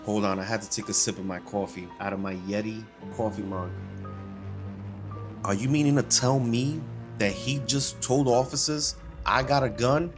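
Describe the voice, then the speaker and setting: A man's voice: fairly low pitch, steady tone, normal speed. Man giving casual, incredulous commentary over music. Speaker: reaction video host.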